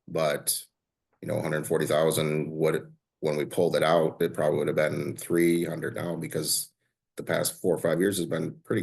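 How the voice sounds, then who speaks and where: A man in his forties, a podcast guest speaking casually, pausing and searching for words. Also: a bass voice, gravelly, breathy edge. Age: 40s.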